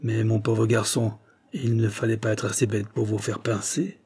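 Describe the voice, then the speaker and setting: A man voicing a cruel, drunken male despot who mocks his prisoners with gleeful menace and sudden shouts. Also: mid-range voice, animated, normal speed, breathy edge, voice pushed up. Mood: jealous fury.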